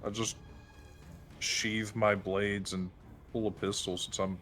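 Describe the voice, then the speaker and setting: A man's voice: lowish voice, level tone, slow pace, fairly bright tone, faint music behind. A man playing a character in a tabletop game, casually stating his moves and swearing now and then. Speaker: player.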